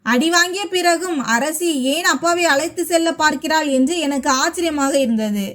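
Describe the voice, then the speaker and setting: A woman narrating a family story in steady, clear storybook style. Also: sits high, moderate pace.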